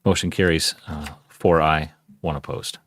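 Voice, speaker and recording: A man chairing a city council meeting, calling items and votes in a brisk, procedural way. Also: rumbling low, steady tone, fairly bright tone, no room sound.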